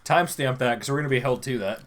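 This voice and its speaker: A male podcast co-host chatting casually with friends. He speaks at an ordinary middle pitch and drops blunt, crude quips in a deadpan way. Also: fast talker. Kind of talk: casual chat.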